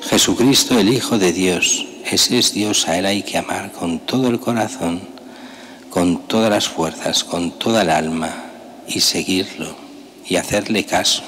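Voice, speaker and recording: A man's voice: low voice, a little slow, a bit bright. An older man, a priest, preaching a homily at a lectern in a large church, with a conversational, emphatic way of talking and pointed rhetorical questions. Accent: Spanish. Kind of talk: sermon. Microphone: gooseneck lectern mic. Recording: long church reverb, faint hiss.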